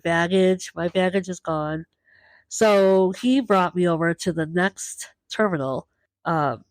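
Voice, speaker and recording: A woman hosting a podcast, telling a travel story casually and lively, acting out the voices of the people she met. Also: fairly low pitch, dry recording. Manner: lively, acts out quoted voices. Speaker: podcast host.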